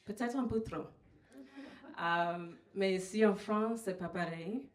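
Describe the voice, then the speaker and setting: Slow-talking Trinidadian woman doing stand-up. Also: mid-range voice. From Trinidad and Tobago. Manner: halting, with many fillers. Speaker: stand-up comedian. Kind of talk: stand-up comedy set. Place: comedy venue. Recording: roomy live venue sound.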